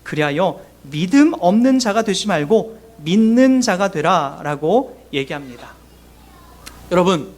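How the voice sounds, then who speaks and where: A middle-aged man preaching a sermon as pastor, earnest and emotional, acting out quoted voices. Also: high voice.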